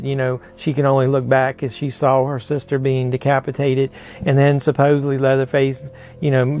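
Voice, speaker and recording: A man's voice: mid-range voice, a little mellow. Middle-aged man rambling about movies. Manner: rambling, frank, many fillers and hedges. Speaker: pop culture YouTuber. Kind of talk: casual to-camera movie reaction. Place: room full of movie posters and collectibles.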